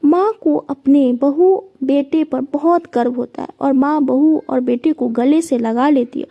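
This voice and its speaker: A woman's voice: high-pitched, measured pace. Woman telling a moral story, simple plain reading, dull lo-fi sound. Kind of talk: storytelling narration.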